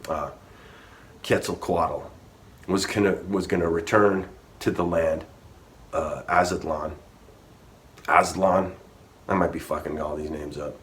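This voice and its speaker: A man's voice: sits low, fairly even intonation, slow pace, pauses often, a bit bright. A man rambling through a history story in a casual, profane rant, restarting often and swearing freely.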